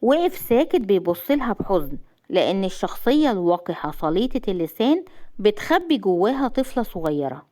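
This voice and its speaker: Expressive Egyptian woman telling a story. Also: mid-range voice, fairly quick. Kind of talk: dramatic story narration.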